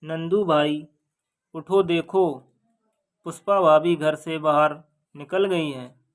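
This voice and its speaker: A man's voice: a little high, fairly even intonation, takes it slowly. A man voicing a practical, loyal village friend in a folk story, speaking earnestly.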